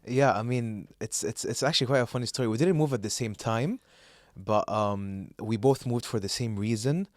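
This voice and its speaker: A young adult man from Saudi Arabia co-hosts a podcast, casually chatting and telling personal stories in a hesitant, rambling way. His mid-range voice moves at normal speed, recorded dry with studio quality.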